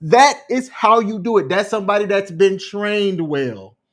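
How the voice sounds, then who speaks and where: A male podcast co-host chats casually, offering his opinions and laying out his points at length. His voice is high and expressive, and he talks a little slowly.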